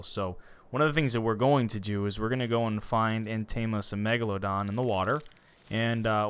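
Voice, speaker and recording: A man hosting a let's play, chatting casually and getting excited as he plays. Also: on the low side, clear, resonant tone. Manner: chatty, excitable, self-talking while playing. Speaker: gaming channel host.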